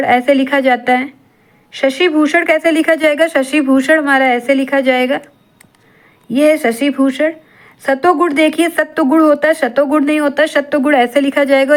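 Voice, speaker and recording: A woman teaches an exam-prep grammar lesson. She works through each item in a steady, repetitive rhythm. She poses questions and answers them herself. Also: high voice. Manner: steady repetitive drilling, asks and answers her own questions.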